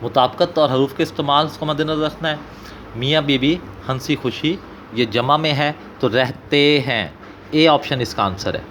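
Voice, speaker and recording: A man with a Pakistani Punjabi accent, an Urdu teacher working through an exam paper and slowly repeating example sentences. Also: mid-range voice, a bit bright, slight background noise.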